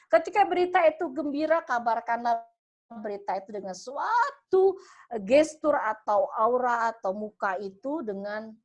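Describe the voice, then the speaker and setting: A woman news anchor with an Indonesian accent giving a public speaking lecture, animatedly demonstrating flat versus energetic delivery with mock news reports. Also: a little high.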